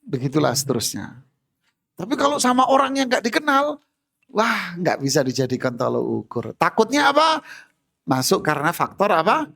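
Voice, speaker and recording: Lively humorous male preacher. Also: high voice, normal speed, creaky. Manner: humorous, acts out everyday scenes. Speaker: Islamic preacher. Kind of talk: sermon. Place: mosque.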